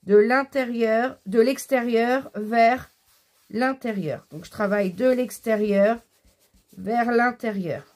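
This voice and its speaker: A woman's voice: a little high, slow, darkish tone. A woman hosting a casual craft tutorial, explaining each step while she works, with frequent fillers. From France.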